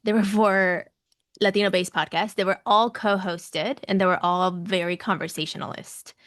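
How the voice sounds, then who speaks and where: A woman's voice: medium pitch, fairly even intonation, normal speed, fairly bright tone, no echo, clean studio sound. A woman with a Mexican, Latin American accent, telling her story conversationally as a podcast guest, repeating phrases for emphasis. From Mexico City, Mexico. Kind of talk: conversational personal storytelling in an interview.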